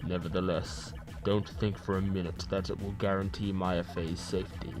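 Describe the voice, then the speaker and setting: A shadowy male schemer calls on the phone, his voice pushed very low by a pitch-shifting voice changer, as a man voices him. He speaks calmly and formally with a cool menace. Soft music plays faintly underneath. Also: moderate pace. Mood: menacing. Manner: calm, formal, coolly menacing. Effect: deep pitch-shifting voice changer. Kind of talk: let's play voice acting of game text.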